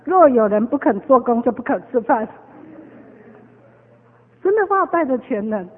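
A woman's voice: fairly high pitch, very animated, normal speed, slightly rough. A woman preaching a sermon, telling a story with many fillers and repeated words. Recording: tinny phone-like echoey hall.

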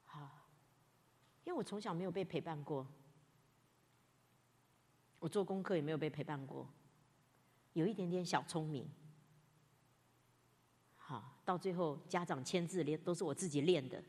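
A woman's voice: deep voice, moderate pace, long pauses, a little mellow, slightly rough. A woman pastor preaching a sermon, telling candid, self-mocking stories from her own life. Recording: long reverb, as in a hall.

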